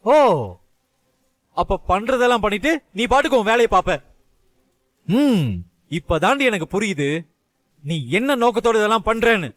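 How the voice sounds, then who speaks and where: A man's voice: sits high, animated, normal speed, long pauses, a bit bright, dry recording. An actor dubbing an angry young husband who harshly accuses his wife, in a dry studio voice-over. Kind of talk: Tamil serial dub acting.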